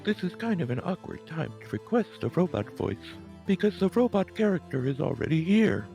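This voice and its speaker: A man's voice runs through a robot voice filter, coming out gravelly and dark. His pitch swings up and down widely while he chats casually with his stream viewers. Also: very animated, fairly quick, faint music behind. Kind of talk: casual live-stream chat.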